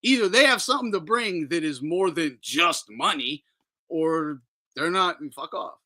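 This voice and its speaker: Bright-voiced man ranting and swearing. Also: a little high, lively intonation, moderate pace. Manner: laughs often, swears freely. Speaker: boxing talk show host. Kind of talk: casual profane rant.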